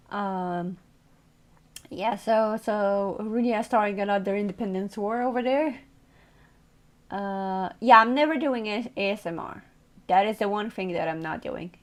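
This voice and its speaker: A woman's voice: mid-range voice, moderate pace. A woman streamer chatting casually with her viewers, playful and teasing, laughing often.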